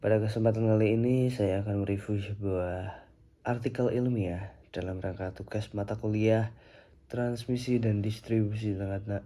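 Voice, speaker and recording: A man's voice: fairly low pitch, warm tone. A young man, an engineering student, reading a recorded slide presentation steadily, with occasional slips and restarts. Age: young adult.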